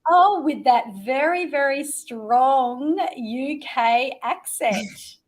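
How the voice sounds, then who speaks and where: A woman's voice: sits high, extremely slow. A middle-aged woman hosting an interview show, talking with upbeat, promotional enthusiasm and dramatic emphasis.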